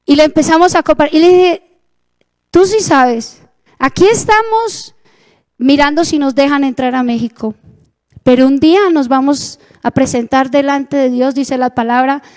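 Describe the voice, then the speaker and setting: Her voice is high and a little mellow as this Colombian woman delivers a sermon, earnestly relating a testimony and performing the dialogue.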